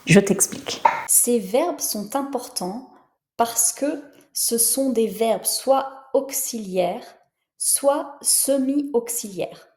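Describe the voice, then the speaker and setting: A woman teaching a French grammar lesson, explaining patiently and modeling each word slowly. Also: a little high, a little mellow, echoey room. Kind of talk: slow, clear grammar lesson.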